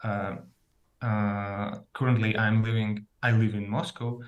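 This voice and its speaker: A native Russian speaker from Russia, this man has a lowish voice with little pitch movement and a slightly slow pace, heard in a muffled recording. A learner taking part in a club, he talks casually and hesitantly about himself in a Russian accent, searching for words.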